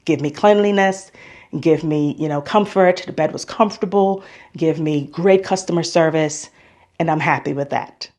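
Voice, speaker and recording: In this travel vlog, an American woman speaks casually in a low, slightly mellow voice at a normal pace. She's chatty and opinionated, and she drives her points home by repeating herself.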